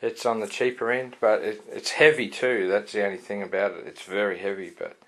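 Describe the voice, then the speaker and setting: A man's voice: fairly low pitch, steady tone, fairly quick, a bit bright. A man giving a casual, rambling product review with many fillers and restarts. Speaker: sword reviewer.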